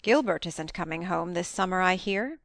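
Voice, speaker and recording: A woman voicing a stern, reserved elderly farm woman in an audiobook, low, quiet and clipped. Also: expressive, normal speed, no echo, studio quality. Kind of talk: audiobook character voice.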